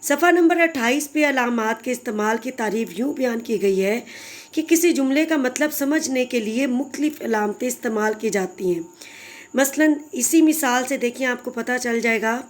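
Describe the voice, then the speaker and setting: A woman's voice: fairly high pitch, moderate pace. A woman teacher giving a patient, explanatory recorded grammar lesson to young children, addressing them fondly.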